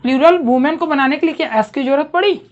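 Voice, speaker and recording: Woman teacher, high voice, quizzing her class often; dull lo-fi recording. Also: fast talker. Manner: questioning, checks understanding often. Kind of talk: classroom grammar lesson.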